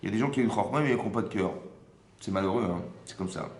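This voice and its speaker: A man's voice: fairly low pitch, rapid-fire. A man teaching a religious class to a small group, asking questions, checking in with his listeners and often repeating words as he searches for phrasing. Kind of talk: interactive religious lesson. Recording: roomy room, faint background ambience.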